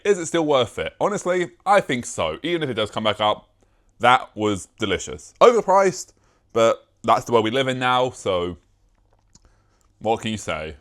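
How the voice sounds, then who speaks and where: Talking to his vlog camera, this young man from Britain rambles, pokes fun at himself, and drops casual swear words. He's a YouTuber with a lowish, slightly bright voice.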